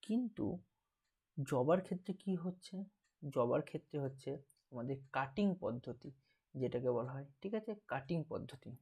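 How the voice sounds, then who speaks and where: A man's voice: medium pitch, expressive, moderate pace, long pauses, dark tone, slightly rough. A man with a Bengali accent working through an exam paper as a teacher, repeating key terms and asking and answering his own questions. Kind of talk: exam paper walkthrough lesson.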